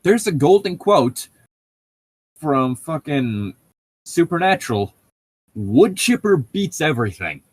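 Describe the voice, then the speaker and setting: This podcast co-host has a slightly high, husky voice that's very animated, though he speaks slowly with long pauses and no echo. Reading a novel aloud, he chats and digresses about the book, dropping the occasional swear word.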